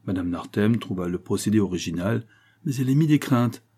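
A man narrating a short story in a measured, even audiobook reading. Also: lowish voice, breathy edge.

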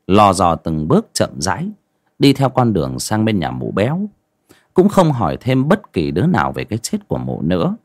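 A man narrating a horror story in an expressive, dramatic way. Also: on the low side, dry recording, clean studio sound.

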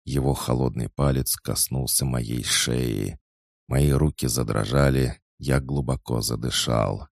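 Narrating a fantasy audiobook in the first person, a man with an extremely deep, gravelly voice speaks slowly in a measured, steady manner. The mic is close and dry, with no echo.

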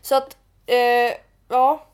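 A young woman co-hosting a podcast, chatting casually and telling stories with lively quoted dialogue. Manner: animated storytelling, acting out quotes. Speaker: podcast co-host. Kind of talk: casual chat.

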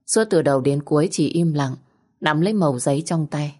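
A woman narrating a dramatic story in the first person, with steady, dramatic storytelling. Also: sits low, a little fast.

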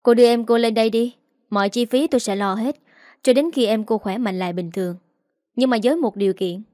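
A woman's voice: a little high, a little fast, mellow, no room sound, clean studio sound, close to an everyday voice. A woman voicing a curt, bossy wealthy young man in a read-aloud story. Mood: brusque. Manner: terse, commanding.

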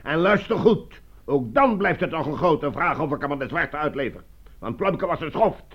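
An actor playing a stern, commanding prisoner leader in a radio drama. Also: male voice, fairly high pitch, big pitch swings, moderate pace, creaky, husky, exaggerated voice. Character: stern camp prisoner leader, grown man. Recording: dull lo-fi radio play recording.

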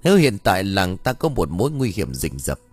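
A grave village master lays out his reasoning in a measured, solemn way, as a male narrator reads him. The voice stays mid-pitched and moves lively through each point, as in an audio storybook. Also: faint music behind. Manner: measured, analytical, solemn instructions.

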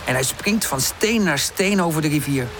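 A woman narrating a children's audiobook in an expressive storytelling manner. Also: low voice, normal speed, background noise.

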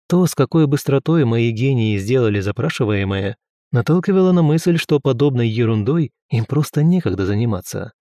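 A man reads a first-person audiobook in a steady, even manner, giving the dialogue a light touch of voice. His voice sits at an ordinary middle pitch. The recording is dry and close, with no room sound. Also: no echo. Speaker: audiobook narrator.

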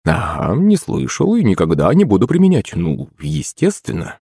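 A man's voice: sits low, huge pitch swings, moderate pace, warm tone, husky, dry recording, clean studio sound, full character voice. A man voicing a smug, cheeky schoolboy who smirks as he answers. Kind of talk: audiobook character voice.

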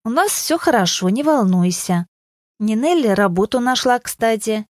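A woman voicing a kind young aunt who speaks gently and reassuringly in an audiobook. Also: on the high side, expressive, moderate pace, no echo, clean studio sound, voice pushed up, natural voice. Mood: gentle.

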